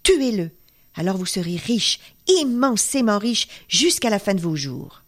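A woman's voice: medium pitch, sing-song, a little slow. A woman storyteller voicing a frail young enchanted girl who pleads and urges in a storybook tale. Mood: urgent. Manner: pleading, pressing.

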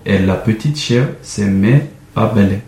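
A man from Turkey with a Turkish accent, a non-native French speaker, presenting and reading a picture book with hesitant, halting speech and many fillers. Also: on the low side, a loud crowd. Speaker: guest volunteer presenting a book. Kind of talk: halting read-aloud and chat. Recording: roomy with faint background noise.

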